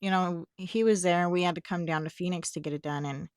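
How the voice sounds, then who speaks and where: A woman's voice: lowish voice, steady tone, fairly quick, darkish tone, smooth, no room sound, studio quality. A young woman talking frankly about her own experience in a casual chat. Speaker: co-host.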